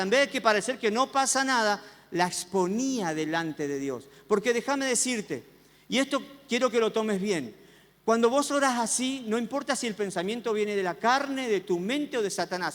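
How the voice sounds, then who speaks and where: A man's voice: high-pitched, fairly bright tone, long reverb tail. A man preaching a sermon with a Rioplatense accent, telling stories with self-mocking humor. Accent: Rioplatense Spanish. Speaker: pastor.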